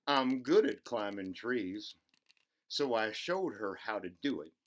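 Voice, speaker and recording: A man's voice: on the low side, lively intonation, slow. Man acting a wistful, lonely little storybook boy. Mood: shy wonder. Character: lonely, timid young boy narrating a picture book.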